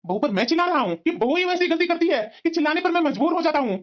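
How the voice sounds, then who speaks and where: A stern cartoon dad who spoils his daughter and snaps at everyone else, as a woman plays him, his gruff scolding coming out quick and pitched high. The recording is dull and lo-fi. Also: animated. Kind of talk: cartoon voice acting. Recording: muffled lo-fi.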